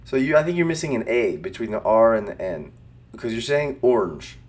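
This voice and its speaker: A man's voice: mid-range voice, big pitch swings, brisk. A man co-hosting a casual racing podcast, joking and laughing often with plenty of fillers. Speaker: podcast co-host.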